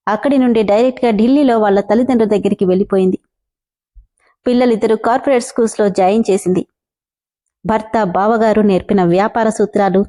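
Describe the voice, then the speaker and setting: A woman reading a serialized family story aloud, narrating in a steady, calm way. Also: fairly high pitch.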